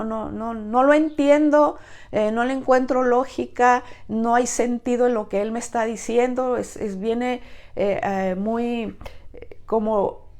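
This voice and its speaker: A woman's voice: medium pitch, a little mellow. A middle-aged woman giving informal Bible teaching to women, conversational, with many fillers and tag questions.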